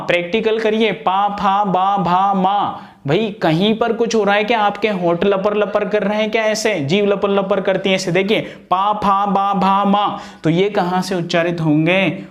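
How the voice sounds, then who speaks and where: A man gives an exam-prep grammar lesson, posing questions and answering them himself while pronouncing each sound aloud for practice. His voice sits high.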